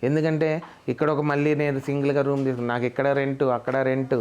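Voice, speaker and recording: Male mimicry artist in an interview; earnest and explanatory, brisk pace. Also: mid-range voice, little pitch movement, darkish tone, smooth. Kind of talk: interview conversation.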